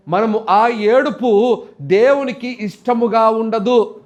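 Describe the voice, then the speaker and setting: A man preaching a sermon, asking rhetorical questions and acting out people's complaints. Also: high-pitched. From India. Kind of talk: Telugu sermon.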